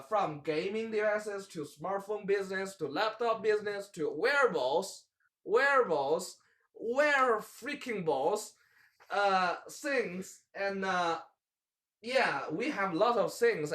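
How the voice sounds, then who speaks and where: A young man with a Chinese accent hosts a casual talk show in English, his voice sitting a little high. He talks in a halting way, stopping to search for words and gesturing as he goes. He sits at a table in a small room. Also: fairly bright tone. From China. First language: Mandarin. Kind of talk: casual chat.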